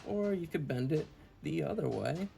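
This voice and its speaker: Creaky-voiced man talking after wisdom teeth removal. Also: fairly high pitch, lively intonation, normal speed, warm tone. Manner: earnest, enthusiastic, repetitive. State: speaking while recovering from wisdom tooth removal. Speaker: toy reviewer and channel host. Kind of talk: casual hobby review chat.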